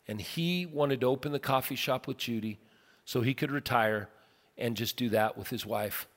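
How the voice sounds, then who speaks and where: A middle-aged man, a pastor, preaching a casual, earnest sermon and telling stories, now and then breaking into loud bursts. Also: medium pitch. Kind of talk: conversational sermon. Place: large church auditorium. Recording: long hall reverb from a big sanctuary.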